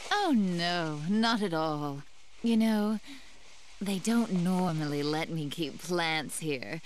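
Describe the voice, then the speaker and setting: Slow, low, coy villainess. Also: female voice. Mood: coy mockery. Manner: coy, mock-sweet. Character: sly female plant villain, coolly mocking and coy. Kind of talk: video game voice acting. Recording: heavily noisy game audio.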